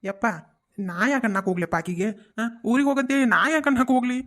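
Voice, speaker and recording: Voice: mid-range voice, animated, fast talker, voice pushed down, close to an everyday voice. Cartoon mother-in-law: whining, defensive old woman, voiced by the same performer. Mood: complaining. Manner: complaining, defensive.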